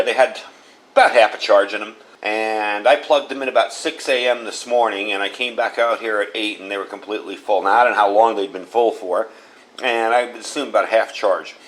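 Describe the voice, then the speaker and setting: The audio is poor, but the man's medium-pitched voice sounds a bit bright. He's the host of a channel doing an informal hands-on product review, plain-spoken and folksy, and he tends to repeat things for emphasis.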